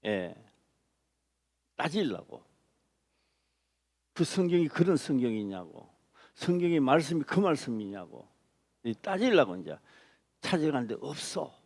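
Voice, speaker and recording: A man preaching a sermon as a pastor, speaking emphatically with repeated phrases and sudden loud stress. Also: mid-range voice, sing-song, measured pace, long pauses, no echo. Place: church.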